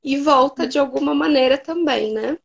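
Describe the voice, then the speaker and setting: A woman's voice: high voice, normal speed, creaky, highs cut off. A woman hosting a conversational interview, explaining patiently and often tagging her sentences with "né". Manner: explanatory, frequent "né" tags. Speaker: host and writing therapist.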